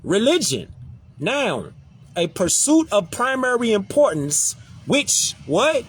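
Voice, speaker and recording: Casual host, high animated voice, preachy and slangy. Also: male voice, slow, slightly rough. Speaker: social media commentator. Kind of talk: casual live-stream talk, reading definitions aloud.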